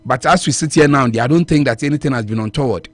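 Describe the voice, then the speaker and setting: A Ghanaian man weighs in on a radio panel at a brisk clip, animated and quick. He mixes in local-language phrases. The studio sound is close and dry. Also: mid-range voice, no room sound, faint music behind. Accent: Ghanaian English. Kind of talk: radio talk show discussion.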